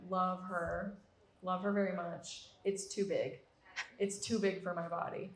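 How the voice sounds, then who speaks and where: A young woman musician answering interview questions in a chatty, relaxed way, with lots of ums. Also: on the low side, unhurried. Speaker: musician guest. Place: art bar event space. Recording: roomy live venue.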